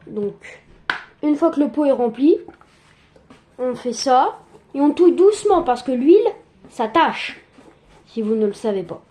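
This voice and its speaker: A young woman giving a casual cooking tutorial in her home kitchen, chatty and quick to joke about herself. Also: high voice, expressive, warm tone, slight background noise. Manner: chatty, joking, self-mocking asides.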